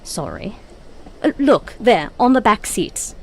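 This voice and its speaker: An actress playing a playful, self-assured, eccentric time-traveller in an audio drama, breezy and theatrical. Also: female voice, medium pitch, very animated, slow, heavily acted, low-quality recording. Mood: curious, breezy.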